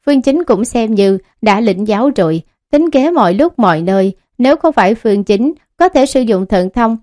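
A woman narrating a novel audiobook in a steady, even reading manner. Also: a little high.

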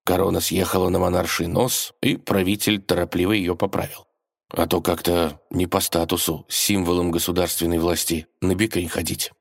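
A man with a low, deep voice narrating an audiobook. His delivery is playful and ironic, like telling a fairy tale with a wink. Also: flat delivery, moderate pace, creaky, breathy edge.

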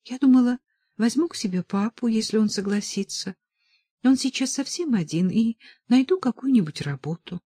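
A shy, tearful young woman, voiced by the audiobook reader speaks in a raised, softer register, with a lot of movement in the pitch. The sound is dry and close. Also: expressive, moderate pace, slightly rough, no room sound. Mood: timid. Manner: timid, soft.

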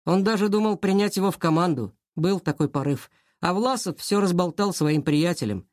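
Storybook narrator reading a school mystery, middle pitch, dead dry booth. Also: normal speed, no room sound. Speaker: audiobook reader.

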